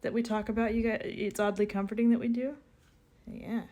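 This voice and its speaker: A woman's voice: a little high, little pitch movement, brisk, dark tone. A young woman, chatting casually and giggling with her live-stream chat. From United States.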